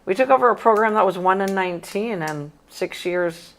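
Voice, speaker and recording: A woman's voice: medium pitch, moderate pace. A woman hosting a casual sports talk show, an ex-coach who talks in a chatty, emphatic way. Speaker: sports talk host and former basketball coach.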